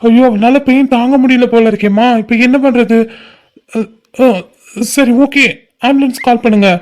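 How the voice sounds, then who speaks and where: A calm young cartoon doctor, played by a voice actor who reassures and gives clear steps. The voice sits at a middling pitch. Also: moderate pace, lightly acted. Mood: calm instructing. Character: young man, calm doctor son on the phone. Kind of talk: cartoon voice acting.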